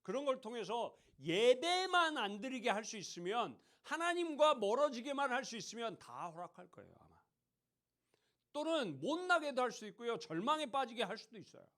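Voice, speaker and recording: High, lively-voiced man preaching. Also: normal speed. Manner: conversational preaching, asks listeners questions, acts out mocking voices. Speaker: youth pastor. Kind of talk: sermon to teenagers. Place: church education hall.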